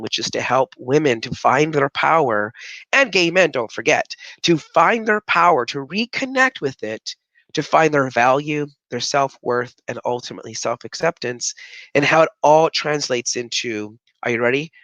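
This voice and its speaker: A man's voice: medium pitch, fairly bright tone, no echo, highs cut off. A man hosting an interview, with an upbeat and enthusiastic manner. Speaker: host, interviewer. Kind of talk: casual interview talk.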